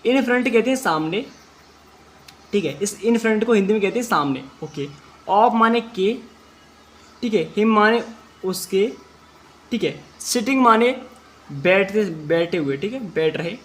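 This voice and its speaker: A man teaching an English class, reading English sentences slowly word by word and then explaining each word step by step. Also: high-pitched, lively intonation, a bit bright. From India. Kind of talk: classroom translation lesson.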